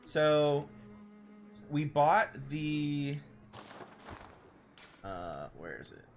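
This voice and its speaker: A young man chatting casually through a game stream, rambling and excitable, exclaiming at the game as he plays at home. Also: a little high, drawn-out words, soft background music. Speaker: let's play streamer. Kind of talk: casual gameplay commentary. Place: home room.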